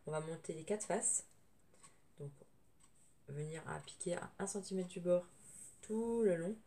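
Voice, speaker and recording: Thick and odd-sounding from tonsillitis, this woman's fairly low, mellow voice moves a little slowly as she gives a casual sewing tutorial, hesitating and clearing her throat often. No separate mic is used; the camera's built-in one records her from afar amid noisy room sound.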